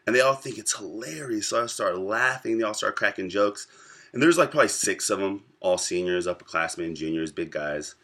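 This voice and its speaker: A man in his twenties from the United States, telling a personal story to camera in a reflective, pausing way. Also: on the low side, expressive, fairly bright tone. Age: 20s. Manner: reflective, pausing often between thoughts. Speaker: vlogger.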